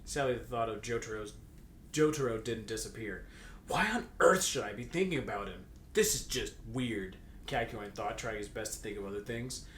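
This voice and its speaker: This co-reader has a lowish, slightly bright voice and speaks at a moderate pace. He performs fan fiction in a mock-dramatic, comedic way, trading jokes, while the echoey room carries faint background noise.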